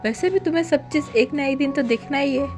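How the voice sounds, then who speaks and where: A woman's voice: high-pitched, fairly quick, darkish tone, faint music behind. A woman voicing a smug, teasing young husband. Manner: bossy, mocking drawl. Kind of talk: casual storytelling with voiced lines.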